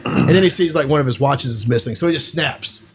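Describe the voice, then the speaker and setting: Soft music plays behind this male podcast host, whose mid-range voice moves a little quickly. He rambles through a movie's plot in a relaxed conversation, leaning on filler words and performing the lines he quotes.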